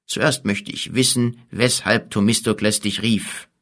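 A man voicing an old, scheming male wizard who speaks slowly and coaxingly. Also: on the low side, fairly even intonation, fairly bright tone. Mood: calm persuasive. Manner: slow, measured, coaxing.

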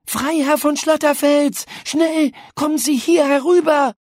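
A man's voice: animated, a little slow, husky, dry recording, studio quality, exaggerated voice. A man voicing a bold young girl who calls out urgently in a raised voice. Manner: urgent high calling.

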